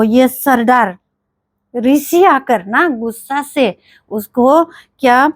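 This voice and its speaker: A woman's voice: high-pitched, no echo. A woman preaching a sermon, often asking questions and answering them herself and repeating praise phrases. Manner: repeats "Praise the Lord", asks and answers her own questions.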